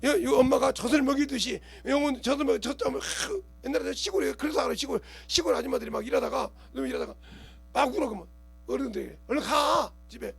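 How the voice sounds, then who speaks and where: A man preaches in a rapid, conversational sermon, his voice pitched unusually high. His tone is heavily gravelly and rough, never smooth. He acts out little scenes and keeps checking whether his listeners understand. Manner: colloquial preaching, keeps asking the congregation if they understand; animated, acts out scenes with gestures and quoted voices. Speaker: pastor.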